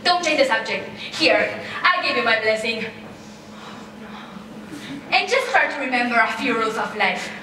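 A distant, heavily echoing stage recording of a woman acting an overbearing comic mother. The voice is high and forceful. She scolds and orders with theatrical, repeated emphasis. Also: animated, normal speed, pauses often. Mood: bossy. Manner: bossy, theatrical, emphatic repetition. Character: overbearing, scolding, dramatic mother of grown children. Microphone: far camera. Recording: very echoey theater stage, distant mic, faint noise.

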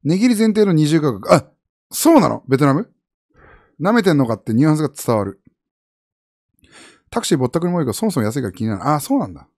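A man's voice: fast talker, pauses often. A man from Japan chatting casually with his viewers as a streamer, rambling and jumping from topic to topic. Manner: rambling, animated, jumps between high and low pitch.

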